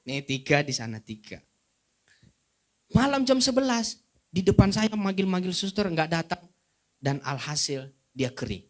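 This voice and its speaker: A male pastor gives a lively spoken testimony from the pulpit. He moves between hushed low passages and raised, high emphatic stretches, and turns to the congregation with dry humor. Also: normal speed, long pauses. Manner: addresses listeners directly with wry humor. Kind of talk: sermon testimony told to a congregation.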